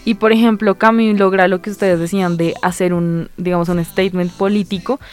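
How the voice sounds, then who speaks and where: A woman co-hosts a relaxed talk, explaining points at length and circling back with fillers. Her voice sits mid-range. Faint music plays underneath. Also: medium pitch, fairly quick, clean tone. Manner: explanatory, rambling with fillers and hedges. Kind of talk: casual literary discussion.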